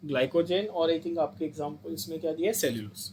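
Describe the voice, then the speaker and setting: High-pitched Indian man teaching chemistry. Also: brisk, a little mellow, a little hiss or hum. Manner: coaxing, repeats points and asks students to say them back. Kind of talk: online lecture.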